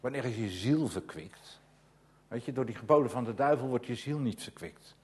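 Preaching a sermon in an animated, medium-pitched voice at normal speed, this man leans on rhetorical questions. His repetitions grow more insistent until they swell into loud emphasis.

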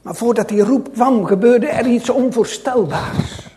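High-pitched man, slow deliberate sermon with dramatic swings in loudness. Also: a little hiss or hum. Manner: slow, dramatic delivery with wide swings between loud and hushed. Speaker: preacher. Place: church.

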